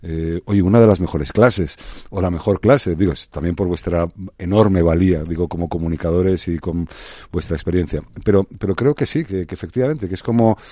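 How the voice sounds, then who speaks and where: A man in his sixties with a Spain Spanish accent, speaking as a guest on a radio interview. His voice sits very low and mellow, recorded close and dry in the studio. He reflects aloud, pausing and restarting as he weighs his points. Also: no room sound. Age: 60s. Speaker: guest, advertising expert.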